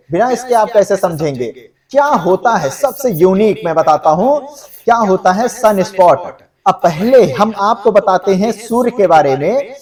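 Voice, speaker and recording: Sitting high in pitch yet darkish in tone, this man's voice is recorded far from the microphone. He's an exam-prep geography teacher explaining things conversationally and often asking whether students follow.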